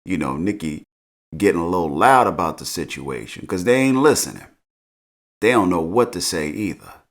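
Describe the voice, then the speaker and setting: A middle-aged man with a fairly low voice recaps a TV show. He talks in a relaxed, slangy way and keeps chuckling through the story. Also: moderate pace. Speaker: TV recap host.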